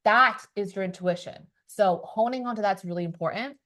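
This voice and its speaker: A woman's voice: medium pitch, moderate pace, fairly bright tone. A woman hosting a podcast in casual chat, talking emphatically and acting out the people she quotes. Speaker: podcast host.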